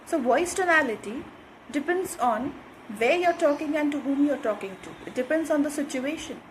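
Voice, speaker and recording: A woman's voice: high-pitched, slight background noise, rough recording. A woman giving an instructional talk on communication skills, repeating her points and checking in with "right?".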